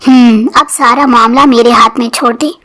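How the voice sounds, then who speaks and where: A woman voicing a patient young bride who speaks softly and gently. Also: fairly high pitch, steady tone. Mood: gentle. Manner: soft and gentle.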